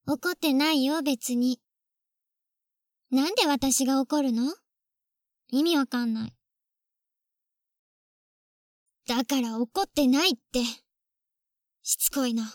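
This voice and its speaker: A woman's voice: high-pitched, a little mellow, no room sound, clean studio sound. A woman voicing a clingy, possessive younger sister on a phone call, sweet at first and coldly jealous underneath. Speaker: voice actress in phone-call role-play. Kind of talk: phone-call role-play drama.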